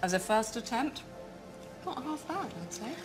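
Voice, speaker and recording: A woman's voice: a little high, expressive, a little slow. A woman with a British accent giving casual, understated opinions as she tastes food. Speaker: presenter tasting food. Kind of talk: casual tasting chat. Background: music.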